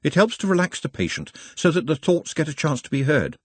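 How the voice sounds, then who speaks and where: A man's voice: on the high side, big pitch swings, brisk, slightly rough, no echo, voice pushed up. A man voicing a polite, anxious young male goblin who speaks formally and stutters slightly. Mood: earnest, worried.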